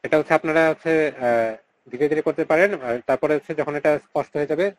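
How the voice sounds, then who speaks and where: A man teaching mantra recitation in an online class, repeating syllables slowly and chanting lines in a drawn-out tone over a video call mic. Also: on the high side, no echo, low-quality recording. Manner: slow, repeats syllables to model pronunciation.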